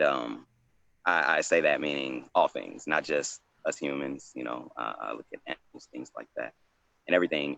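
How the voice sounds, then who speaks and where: A man's voice: extremely low pitch, fairly bright tone, no room sound, highs cut off. A man who is a poet, talking reflectively and informally on a panel in a loose, rambling way. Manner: loose, rambling, frequent "you know".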